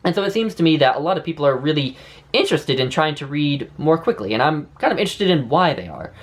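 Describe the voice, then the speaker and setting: A man's voice: on the high side, sing-song, fast. Man, lisp, whistling s, casual vlog talk, reflective, rambling, self-correcting. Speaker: book vlogger.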